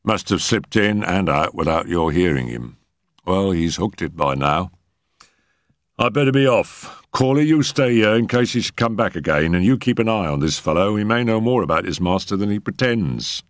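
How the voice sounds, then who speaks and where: A man voicing a brisk, commanding male police inspector who gives curt orders. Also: sits low, lively intonation, no room sound, clean studio sound. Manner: brusque, commanding.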